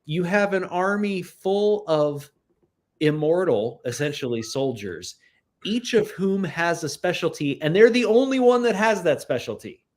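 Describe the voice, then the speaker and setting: A man in a casual chat, musing and rambling with lively enthusiasm. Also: high voice, unhurried. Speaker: guest.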